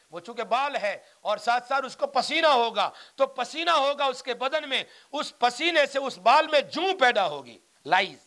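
A man's voice: extremely high pitch, sharp tone. A man preaching a Quran commentary sermon, reciting Arabic verses and explaining them with emphatic repetition. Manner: emphatic, repeats phrases.

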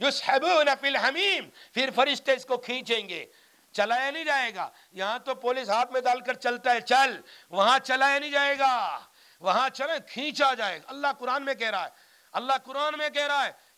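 A man's voice: very high-pitched, pushed and bright. A man preaching a Quran commentary sermon, reciting Arabic verses and explaining them with emphatic repetition. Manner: emphatic, repeats phrases.

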